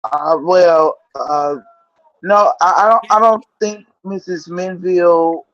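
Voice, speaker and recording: This is a woman doing a flustered figure faking grief, stammering in broken English at a slow pace. The recording is dry and lo-fi. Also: on the low side, no echo. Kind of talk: amateur script read.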